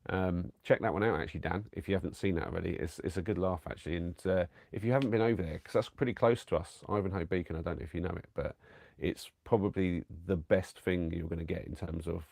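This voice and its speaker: Creaky, low, and quick, a man's voice comes through a dry recording with few pauses. Slightly stuffed up from a cold, he chats casually with viewers on a live stream from his camper van, rambling warmly and often stumbling into fillers and restarts.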